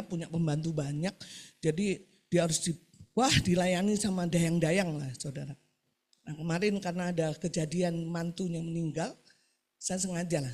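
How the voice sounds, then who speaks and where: A woman preaching a sermon over a video call, moving between shouted exhortation and quiet storytelling. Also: lowish voice.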